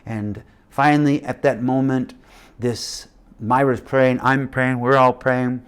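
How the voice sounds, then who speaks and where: Animated middle-aged male preacher. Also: mid-range voice, slow pace, smooth. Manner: animated storytelling with acted quotes and shifting loudness. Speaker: missionary preacher. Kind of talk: sermon storytelling.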